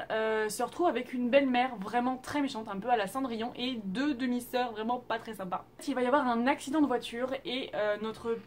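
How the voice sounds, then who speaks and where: High-voiced chatty woman vlogger. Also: a little hiss or hum. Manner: chatty and expressive, with frequent fillers and playful asides. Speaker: YouTube host reviewing Korean dramas. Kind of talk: casual vlog recommendations.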